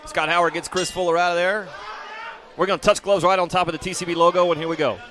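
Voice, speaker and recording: A man's voice: high-pitched, fairly even intonation, fast, a bit bright. A man doing live play-by-play commentary at a combat sports event. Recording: live event with crowd and music. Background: crowd noise and music.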